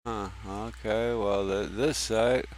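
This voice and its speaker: A deep-voiced man chats casually while streaming a game, stopping and restarting his sentences as he goes. His voice sits low, and a faint noise runs under it. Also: fairly even intonation. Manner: halting, repeats and restarts words. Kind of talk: casual live-stream chat while gaming.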